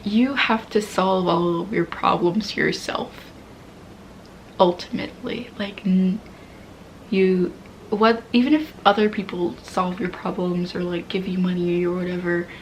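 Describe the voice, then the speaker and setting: A woman's voice: lowish voice, steady tone, measured pace, a little hiss or hum, low-quality recording. A woman in her twenties candidly venting, rambling and swearing casually, often dropping into half-whispers. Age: 20s. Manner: swears casually, laughs at herself. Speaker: vlogger. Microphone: poor-quality mic.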